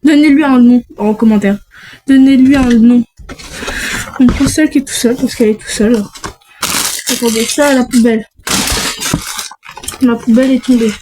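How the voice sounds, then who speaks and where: A woman's voice: a little high, steady tone, moderate pace, long pauses, background noise. A young woman chatting casually to viewers while unboxing mystery boxes, talking to herself and restarting her sentences often. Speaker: unboxing vlogger.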